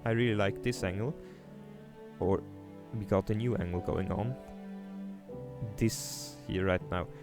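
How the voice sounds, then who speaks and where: Over music, a young Swiss streamer with a Swiss German accent speaks a little slowly, with long pauses, in a fairly low voice. He casually remarks on his city-building game and reads chat aloud, hesitant and prone to fillers and restarts.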